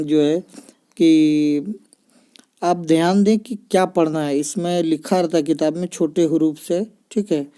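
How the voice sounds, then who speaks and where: A man's voice: a little high, mellow, smooth. A man teaching children's reading in a patient explanatory style, often checking in with listeners. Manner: patient, repeats points with "ठीक है ना". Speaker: teacher of Arabic letters for children.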